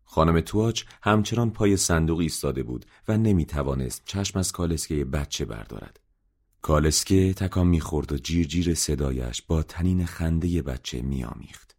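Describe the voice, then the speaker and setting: Very deep-voiced male narrator. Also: expressive, darkish tone. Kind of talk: scripted audiobook narration.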